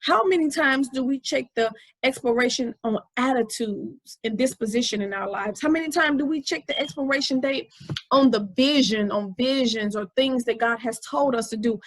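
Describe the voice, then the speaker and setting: A woman's voice: fairly high pitch, normal speed, no room sound, poor audio. A woman in her forties hosting her own podcast, telling a story in a casual, conversational way with many fillers. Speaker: podcast host. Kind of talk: casual inspirational talk.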